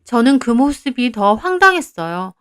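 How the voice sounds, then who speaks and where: A young woman narrating her own story in the first person, in an even, confiding way. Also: a little high, moderate pace, clean tone, no room sound, studio quality.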